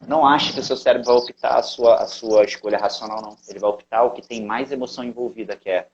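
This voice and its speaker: A man's voice: mid-range voice, quick pace, lo-fi sound. A Brazilian man, a guest coach, explaining in casual talk and acting out inner voices. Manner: animated, acts out inner voices. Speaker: interview guest, NLP coach.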